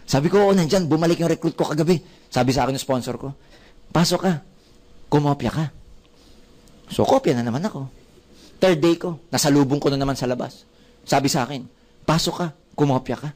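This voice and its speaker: A man with a Filipino accent, his voice pitched fairly high, gives a motivational seminar talk. He is animated and tells stories full of quoted dialogue. He switches freely between Tagalog and English. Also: fast talker. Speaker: network marketing speaker.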